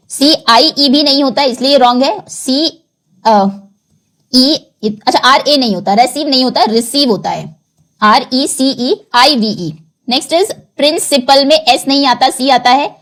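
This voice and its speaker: A woman teacher explaining an English textbook lesson, spelling words out letter by letter and switching between Hindi and English. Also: sits high.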